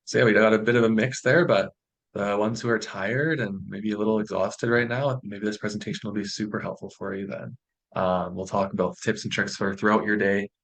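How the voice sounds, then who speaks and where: Poor audio carries a young Canadian man's lowish, slightly bright voice, fairly quick and fairly even in intonation. He's a student giving an informal online presentation in a friendly, reassuring, encouraging way.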